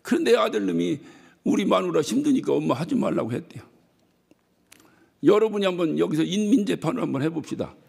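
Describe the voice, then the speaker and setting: A male pastor preaching a sermon, telling stories about his congregation with lively acted-out quotes and bursts of shouting. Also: a little high, a little fast, vocal fry, husky. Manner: animated storytelling, mimics congregants and shouts. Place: church hall. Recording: reverberant church hall.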